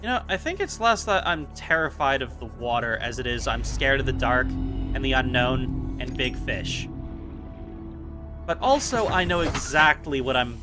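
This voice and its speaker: A man's voice: mid-range voice, lively intonation, measured pace, over music. A man giving casual gameplay commentary, chatty and self-mocking as he thinks aloud. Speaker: gaming video host.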